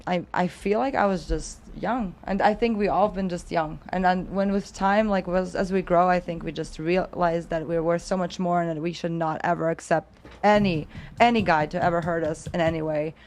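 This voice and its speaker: A woman from Croatia in her thirties, a guest in a casual interview, speaking haltingly with frequent laughs and restarts. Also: fairly low pitch, fairly even intonation, a little mellow, a little hiss or hum. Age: 30s.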